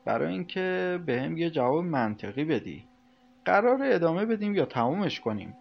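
A woman's voice: sits low, big pitch swings, creaky, voice pushed up, exaggerated voice. Man voicing a tense young woman in a storybook. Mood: insistent. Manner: quiet, guarded. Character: tense young woman pressing her partner. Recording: slightly muffled, soft music behind.

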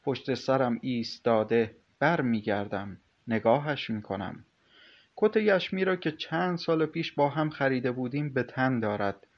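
A man narrating a first-person story in a calm, measured way. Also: medium pitch. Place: recording studio. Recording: slightly muffled studio recording with soft music.

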